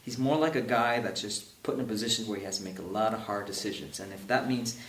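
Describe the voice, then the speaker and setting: Young man, halting interview chat, low-pitched, echoey room with faint hiss. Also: a bit bright, recorded from a distance. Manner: halting, repeats words often. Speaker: actor being interviewed.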